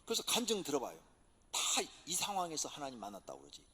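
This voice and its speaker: A pastor preaching a dramatic sermon, swinging from loud exhortation to near-whisper, recorded in a church sanctuary. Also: male voice, fairly high pitch, wildly swooping pitch, fast, breathy edge. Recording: long church hall reverb.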